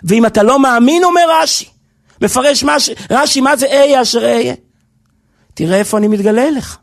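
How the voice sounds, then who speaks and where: A male rabbi giving an impassioned sermon, swinging between hushed and loud passages. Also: very high voice.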